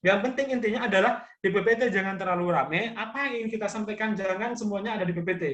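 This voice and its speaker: A man's voice: high-pitched, fast talker, a bit bright, dull audio. A man from Madura with a Javanese-tinged Indonesian accent, chatting casually and jokingly as a public speaking trainer on a video call. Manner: chatty, joking, keeps tagging phrases with fillers. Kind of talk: casual online training talk. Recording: echoey room.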